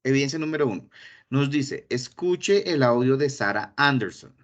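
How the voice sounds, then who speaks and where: Man, English teacher, online class, computer mic, lively and repetitive. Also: mid-range voice, normal speed. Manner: lively explanations, repeats words for emphasis. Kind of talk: online class explaining grammar. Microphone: computer mic in an online session.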